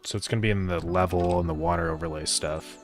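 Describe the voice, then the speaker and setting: Low-voiced man chatting through a coding stream. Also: quick pace, soft background music. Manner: relaxed, thinks aloud, answers chat with fillers. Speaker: indie game developer streaming. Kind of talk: casual live-stream chat while coding.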